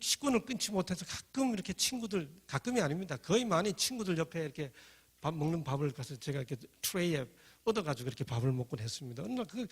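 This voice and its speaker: Middle-aged man, husky and slightly high-voiced, animated storyteller giving a testimony talk. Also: in a large hall. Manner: lively, acts out quoted voices. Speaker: speaker giving a personal testimony.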